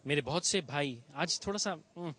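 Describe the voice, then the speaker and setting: A man's voice: fairly high pitch, animated, fairly bright tone, husky. A man hosting a TV show, speaking earnestly and with grief in an on-location monologue, standing outdoors near a bomb site and mixing English phrases into his speech. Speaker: TV show host.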